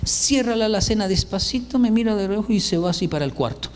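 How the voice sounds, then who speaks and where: A man delivers a comic storytelling monologue and acts out every voice in it. His voice is high and carries a long hall reverb. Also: quick pace. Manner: animated, acts out dialogue.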